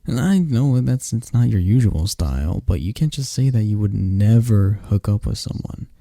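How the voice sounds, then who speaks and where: Playing a close friend in a scripted ASMR roleplay, a young man talks animatedly and chattily to an unheard listener in a one-sided exchange. His lowish voice is gravelly and moves at normal speed, in a dry recording.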